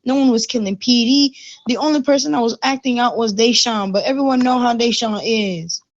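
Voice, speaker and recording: A woman's voice: fairly high pitch, fairly quick, muffled recording. A woman in roleplay voice chat, heatedly retelling an argument with plenty of profanity.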